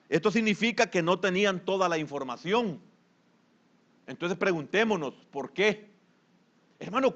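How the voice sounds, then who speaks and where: A man with a Salvadoran Spanish accent preaching a sermon as pastor, moving between hushed asides and loud rising exhortation. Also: sits high, highs cut off.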